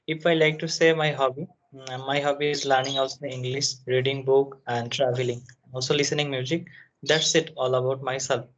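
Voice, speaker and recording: Halting man from Bangladesh. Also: medium pitch, steady tone, fairly bright tone. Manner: halting, searching for words. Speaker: nursing student, conversation partner. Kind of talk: casual conversation practice. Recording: dull lo-fi sound.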